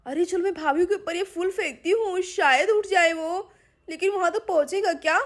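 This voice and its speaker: A woman doing a whiny, flustered young woman. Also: moderate pace. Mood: worried. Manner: whiny, pleading, high voice. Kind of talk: doll-play storytelling.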